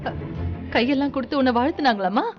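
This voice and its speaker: A woman's voice: high-pitched, fast, dull audio, lightly acted. An actress playing an emotional middle-aged mother in a TV serial, pleading and anxious. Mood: eager. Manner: pleading and emotional, rising to distress. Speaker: mother of the heroine. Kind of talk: Tamil TV serial acting. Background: soap opera music score.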